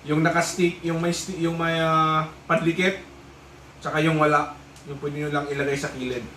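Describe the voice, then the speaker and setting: A vlogger with a Filipino accent talks through a motorcycle intercom review at a moderate pace, his fairly high voice flat yet bright and forceful. The casual explanation circles back on itself often. Sound is echoey, distant, with faint noise.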